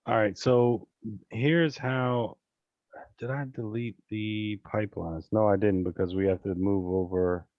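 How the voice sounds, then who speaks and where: A man coaching on a casual screen-share call, chatty and relaxed, with many fillers and restarts. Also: lowish voice, measured pace, no echo, phone-quality sound. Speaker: real estate investing coach. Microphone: video call.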